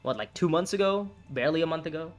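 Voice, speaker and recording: Quick-paced and excitable, this young man in his twenties streams a ranked board game and thinks aloud about every move. His voice sits a little high and swings as he reacts loudly, swearing when a turn fails, while faint soft music runs beneath.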